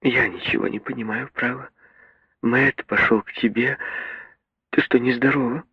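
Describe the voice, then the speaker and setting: A man's voice: mid-range voice, fairly even intonation, moderate pace, breathy edge, dry recording, voice pushed up. A man voicing a timid, anxious middle-aged mother who frets and pleads in a raised, strained voice, in a literary reading. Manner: fretful, pleading, breathless. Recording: dull, muffled radio recording.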